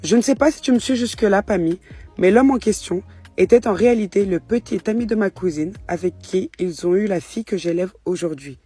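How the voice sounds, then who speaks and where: Woman reading a follower's story, steady, husky voice, faint music behind. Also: medium pitch, fast talker, no echo.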